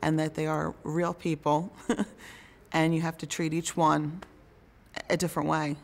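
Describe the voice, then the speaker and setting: Creaky-voiced woman care aide. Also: deep voice, flat delivery, a little slow. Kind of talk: interview answers. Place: indoor care facility lounge.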